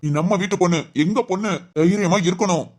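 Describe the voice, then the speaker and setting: Caring middle-aged dad, woman plays him, fast soothing talk, keeps reassuring his daughter. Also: lowish voice, darkish tone, natural voice. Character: caring middle-aged father, gentle and encouraging. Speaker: father in a family drama. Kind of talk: amateur village family drama.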